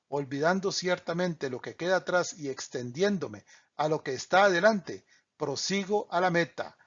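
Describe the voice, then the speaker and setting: A man with a slightly high voice teaches a Bible study, reading scripture passages and explaining them in earnest. He stumbles now and then and corrects himself before going on. The recording is dull and lo-fi, with little top end. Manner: reads scripture aloud, with small slips and self-corrections.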